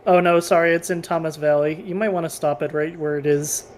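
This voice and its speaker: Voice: medium pitch, steady tone, a little fast, slight background noise. A fellow player in a train game, chatting casually and giving dry, helpful advice to the others. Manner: helpful, dry, gently instructive. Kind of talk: casual gameplay chat.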